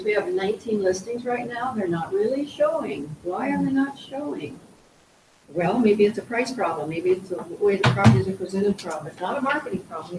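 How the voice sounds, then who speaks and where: A woman leading a real estate sales meeting, brisk and quizzing the room. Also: medium pitch. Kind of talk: leading a group training session. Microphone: distant room microphone. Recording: echoey room, far from mic, noisy.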